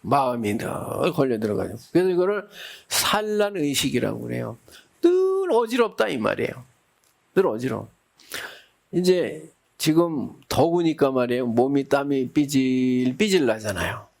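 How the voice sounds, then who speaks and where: Gravelly-voiced monk giving a folksy dharma talk. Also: male voice, medium pitch, very animated, normal speed, a little mellow. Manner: folksy storytelling with acted-out quotes. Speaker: Buddhist monk.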